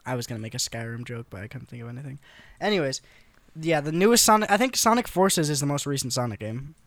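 A man's voice: mid-range voice, expressive, quick pace, a bit bright, no room sound. A young man co-hosting a podcast in casual, slangy chat with frequent swearing. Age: young adult. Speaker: podcast co-host.

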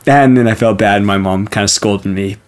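A man's voice: lowish voice, moderate pace. Man telling a funny anecdote. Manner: animated, laughs while telling. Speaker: storyteller. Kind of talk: casual anecdote.

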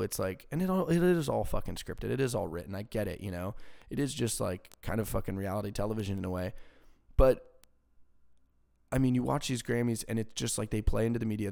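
A man's voice: on the low side, gravelly, a little mellow. A young man hosting his own podcast, ranting casually in a rambling, profane, exasperated way into a home mic. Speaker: podcast host. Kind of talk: casual solo podcast rant. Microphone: home podcast mic with crackling.

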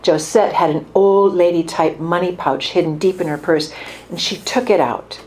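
A woman reading a story aloud in a calm, even storytelling manner, as the author of the book. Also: on the low side, moderate pace, a little hiss or hum.

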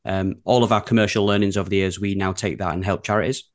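A man's voice: sits low, steady tone, quick pace. A man with a broad Yorkshire accent from northern England, chatting casually as an interview guest. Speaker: guest, creative director and studio co-founder.

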